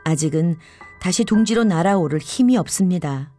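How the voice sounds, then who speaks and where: A woman's voice: fairly low pitch, expressive, moderate pace, dark tone. Woman narrating a nature documentary over music. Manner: storytelling, speaking as one of the river's birds. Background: background music.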